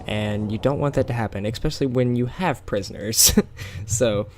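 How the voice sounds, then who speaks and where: This man talks at normal speed in a mid-range voice that sounds scratchy and tired. Commentating casually on a game, he rambles, dropping in lots of fillers and little laughs.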